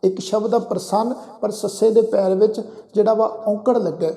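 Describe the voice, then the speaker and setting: High gravelly man teaching scripture recitation. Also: steady tone, dark tone. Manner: slow chanted recitation between spoken explanations. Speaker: Gurbani teacher. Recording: echoey room with long reverb.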